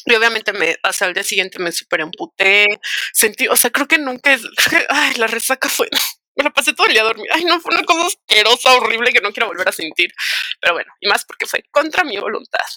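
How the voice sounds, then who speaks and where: A young Mexican woman talking in a bright, forceful voice, animated and slangy, with English words dropped in. The recording is close and dry, with no room sound. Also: a little high, brisk, no room sound. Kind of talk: casual chat, storytelling.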